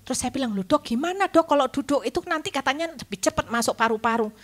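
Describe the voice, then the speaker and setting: A woman's voice: high-pitched, lively intonation, quick pace. A woman pastor telling a personal story in a sermon, often dropping to a whisper when she quotes someone. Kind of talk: sermon testimony. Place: church.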